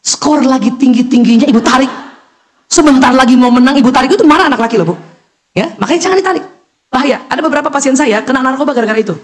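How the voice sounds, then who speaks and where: A middle-aged woman doctor giving a lively parenting lecture, acting out calls and talking straight to the mothers listening. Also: high-pitched, rapid-fire. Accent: Indonesian. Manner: animated, acts out calls and quotes, talks directly to mothers in the audience.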